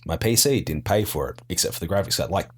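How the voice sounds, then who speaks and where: Australian man, very deep voice, relaxed rambling podcast chat, self-mocking. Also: fast, slightly rough. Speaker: podcast guest. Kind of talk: casual chat.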